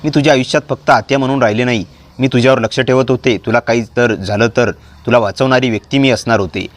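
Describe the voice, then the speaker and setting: A man voicing a protective middle-aged aunt who speaks in hushed, urgent tones in a storybook. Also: medium pitch, steady tone, fast, lightly acted.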